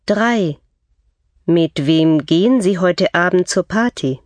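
Slow, clear woman reading lesson dialogue. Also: on the low side, expressive, darkish tone, no room sound. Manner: slow, clear, deliberate enunciation. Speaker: language course speaker. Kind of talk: scripted textbook dialogue reading.

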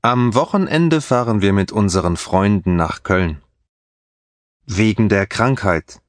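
A man reading scripted textbook dialogue for a language course with slow, careful enunciation. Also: on the low side, expressive, no echo.

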